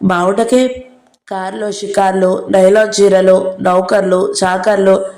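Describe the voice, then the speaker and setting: A woman voicing a caring, outspoken teenage schoolgirl in an audio novel, talking quickly and indignantly. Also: mid-range voice, steady tone, a little mellow, natural voice. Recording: roomy echo.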